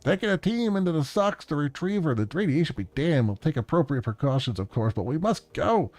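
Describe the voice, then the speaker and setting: A man doing a jittery, high, breathless video-message man. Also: very animated, a little fast, a little mellow, dry recording. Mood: urgent. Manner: breathless, urgent, words tumbling out.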